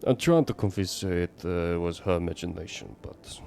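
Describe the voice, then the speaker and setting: A man voicing a worried, guilt-ridden father and neighbor in a horror game, hushed and anxious. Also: sits low, very fast, creaky, a little hiss or hum, voice pushed down.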